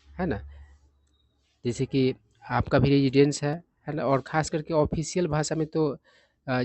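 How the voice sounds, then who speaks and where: A man walks through English words from the newspaper at an even, mid-pitched level. He explains each one patiently and keeps checking in with his listeners. The recording is close and dry, with no room echo. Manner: explains each word patiently, often ending with "है ना?". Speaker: English vocabulary teacher. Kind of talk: newspaper vocabulary lesson.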